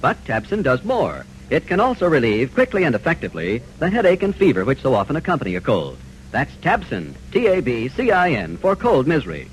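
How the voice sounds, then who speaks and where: Animated man as chipper 1950s radio ad announcer. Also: medium pitch, a little fast, low-quality recording. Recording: old radio broadcast with music.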